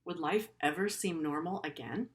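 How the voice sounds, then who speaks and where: A middle-aged woman teacher with a deep voice and a moderate pace earnestly reads a story aloud to pupils, adding short, informal asides to explain things simply.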